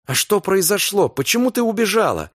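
A man's voice: fairly high pitch, very animated, unhurried, no room sound. Worried, devoted husband, voiced by a man; coaxing, dry close sound. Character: anxious devoted young husband.

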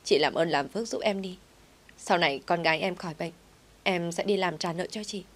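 A desperate young wife pleading over and over, her low voice urgent. A woman reads the part in a spoken story. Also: fairly quick.

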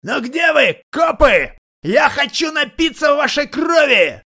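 A man voicing a hoarse, bloodthirsty male gang thug who yells taunts from a distance. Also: very high voice, very animated, takes it slowly, pitched above the performer's own voice, full character voice. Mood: taunting. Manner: shouting taunts from afar.

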